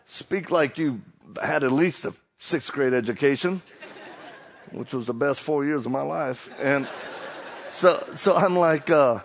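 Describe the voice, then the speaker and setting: Gravelly and fairly high-pitched, a middle-aged Louisiana preacher with a Cajun accent speaks at a measured pace during a hyped, self-mocking comedy talk before a live audience. He also works as a motivational speaker. Some chatter can be heard behind him, along with a little hiss or hum.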